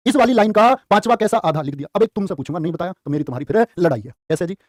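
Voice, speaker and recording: A man teaching spelling in a lively live class, asking questions and quoting couplets. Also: sits high, racing, no room sound, studio quality. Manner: calls students "प्यारे बच्चे". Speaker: Hindi teacher for exam prep. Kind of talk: live online exam-prep class.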